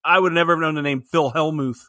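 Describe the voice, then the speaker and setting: A man's voice: on the high side, steady tone, fast, pushed and bright, no room sound, studio quality. A man co-hosting a movie podcast, chatting casually and laughing often between rambling restarts. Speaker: podcast co-host. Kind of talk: casual movie review chat.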